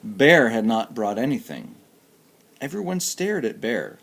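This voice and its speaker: Children's book reader, male, animated and sing-song delivery. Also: medium pitch, unhurried, creaky, slight background noise. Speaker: narrator. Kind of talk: children's story reading.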